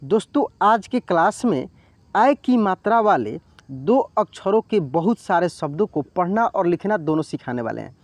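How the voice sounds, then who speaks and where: A man teaching reading in an online lesson, patiently spelling words out slowly, syllable by syllable. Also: high-pitched, sing-song, no room sound.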